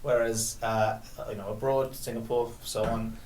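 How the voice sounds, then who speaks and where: A man's voice: lowish voice, level tone, measured pace, a little mellow. A man from the UK working as a machine learning engineer, talking casually, laughing often and repeating words while he thinks. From United Kingdom. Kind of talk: casual conversation. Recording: echoey room, faint background noise.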